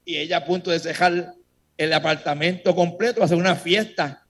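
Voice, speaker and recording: A man giving a religious testimony to a congregation, telling his story in a lively way and speaking straight to his listeners. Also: on the high side, moderate pace, slightly rough.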